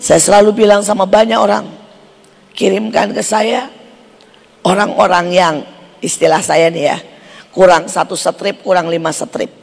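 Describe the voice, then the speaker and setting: A woman evangelist giving a fiery sermon, forceful and bursting into shouts. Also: medium pitch, creaky, husky, long reverb tail. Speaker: evangelist preacher.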